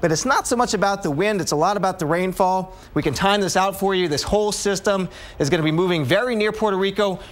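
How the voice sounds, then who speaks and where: Male weather presenter, fairly high voice, explains a live forecast conversationally. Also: quick pace.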